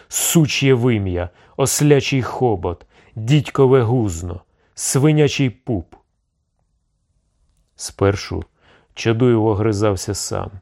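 Slow, low-voiced male audiobook narrator. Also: a little mellow. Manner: slow, measured storytelling.

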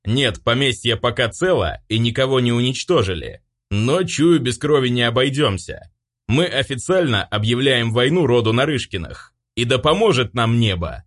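Мужчина изображает грозного старого деда-главу рода. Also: male voice, expressive, moderate pace, fairly bright tone. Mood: grim. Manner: booming, authoritative. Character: stern old aristocrat grandfather, clan head.

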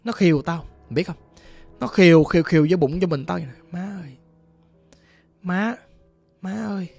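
A storyteller voicing a cruel but frightened rich old mother, who talks bluntly and coarsely in a Southern Vietnamese accent, over faint music. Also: medium pitch. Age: older.

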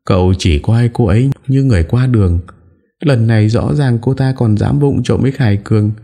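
A man's voice: medium pitch, fairly quick, gravelly, dark tone, pitched above the performer's own voice. A male narrator voicing a spoiled young woman who stammers and pleads through tears. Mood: hurt pleading. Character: weepy spoiled young woman, jilted and whining.

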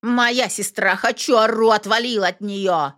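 A woman reading an audiobook, voicing a hot-tempered young woman who shouts in indignation. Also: a little high, fairly even intonation, measured pace, pitched above the performer's own voice. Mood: furious.

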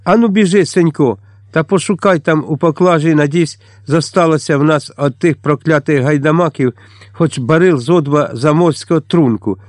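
A man's voice: on the high side, normal speed, no room sound, pitched above the performer's own voice, close to an everyday voice. A rowdy, hospitable deacon, put on by a male audiobook narrator bellows invitations in a raised, hearty voice. The sound is dry and close, with no room around it. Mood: boisterous. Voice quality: loud, hearty, coaxing. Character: boisterous hospitable man, a deacon hosting a feast.

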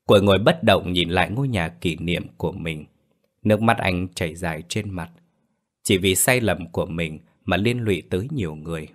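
A man narrating a horror story in a steady, dramatic way. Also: deep voice, normal speed.

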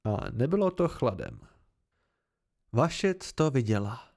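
A man reading a fantasy novel aloud as an amateur audiobook narrator, telling it in a measured first-person voice. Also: medium pitch, huge pitch swings, creaky, a little mellow. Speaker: audiobook reader.

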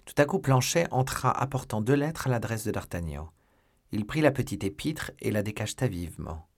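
A male narrator reads an audiobook at a steady, even pace. His voice sits low with a husky grain. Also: moderate pace. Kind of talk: scripted narration.

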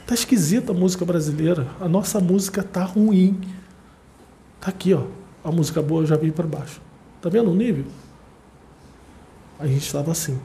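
There's a little hiss or hum as a man with a Brazilian accent and a voice on the high side addresses an audience. He keeps it casual and chatty, repeating words for emphasis and adding animated asides.

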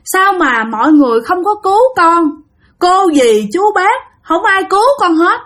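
Brief: woman narrator doing a weeping young male ghost, gasping and pleading, lively high tone. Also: racing. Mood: anguished pleading. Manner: sobbing, breathless pleading.

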